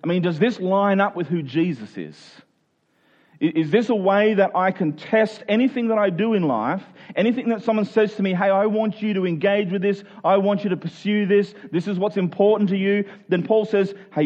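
A preacher with a somewhat high-pitched, darkish voice delivers a sermon explaining a Bible passage in plain, conversational words. He is earnest, posing rhetorical questions and restating phrases for emphasis. The recording is a little dull and lo-fi.

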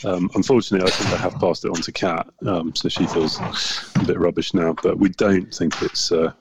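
A man with a gravelly, husky voice, thick with a cold, chatting casually as a podcast co-host. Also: sits low, steady tone, brisk, background noise. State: congested with a cold. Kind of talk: casual group chat.

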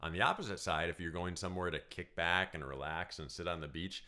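A man with a low, relaxed voice co-hosts a casual couple podcast. He talks in an easygoing way and often laughs between points. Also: fast. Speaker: podcast co-host.

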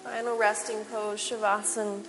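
A woman yoga instructor guiding relaxation slowly and calmly, with soothing, spaced-out instructions. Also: medium pitch. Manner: slow, calm, soothing delivery with pauses. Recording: reverberant hall, clear background noise.

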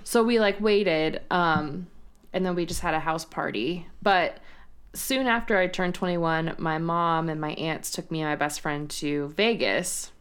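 A young woman from San Antonio, co-hosting a podcast in a relaxed, rambling chat with frequent giggles. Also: sits low, measured pace, clean tone. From San Antonio, Texas. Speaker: podcast co-host. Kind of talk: casual chat.

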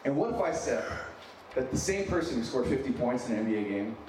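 Very animated and quick, a man with a mid-range voice gives a conversational sermon to an audience, informal and heartfelt, making fun of himself and repeating phrases for emphasis. He's in his thirties, an American born in San Diego and raised in Wyoming, with a hint of Minnesotan in his accent. The recording is from a distant mic in a large, noisy, heavily echoing hall.

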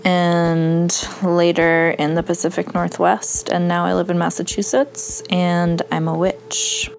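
A woman raised in northern Vermont, introducing herself in a slow, even, deliberate way. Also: lowish voice, creaky. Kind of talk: on-camera self-introduction.

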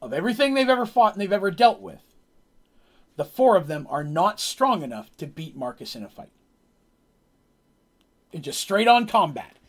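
A man's voice: high voice, sing-song, normal speed, long pauses. A man telling how a tabletop game session played out, as its game master, in a rambling way with frequent ums and self-corrections.

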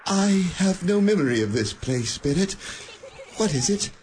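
A man playing old miser Ebenezer Scrooge, pleading slowly with anguish in a radio drama. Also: sits high, sing-song, noisy background.

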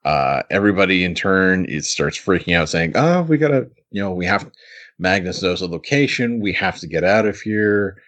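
A man's voice: sits low, normal speed, fairly bright tone. A man co-hosting a podcast, chatting casually as he recaps an episode, laughing often and restarting his sentences. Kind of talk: casual chat.

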